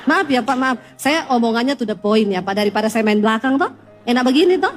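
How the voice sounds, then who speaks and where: A woman pastor preaching a sermon to a congregation in a church. She tells lively stories with teasing humor and keeps calling out to her listeners. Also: a little high, quick pace, faint music behind.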